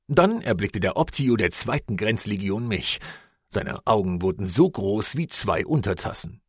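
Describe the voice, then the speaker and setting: Husky man narrating an audiobook dramatically. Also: medium pitch, dry recording, studio quality. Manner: dramatic reading, voicing shouted lines. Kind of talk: scripted first-person narration.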